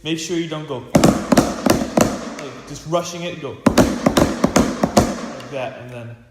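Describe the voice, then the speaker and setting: A teenage boy speaks very slowly in a voice on the high side, rambling through a casual snare drum lesson with frequent fillers and restarts. He's a student percussionist working at a drum pad in a practice room. The recording is echoey and loudly hissy.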